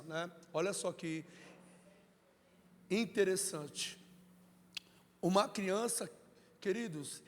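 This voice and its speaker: A male pastor preaching a sermon, acting out dialogues and building to shouts, in a church. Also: high voice. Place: church sanctuary. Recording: reverberant church hall.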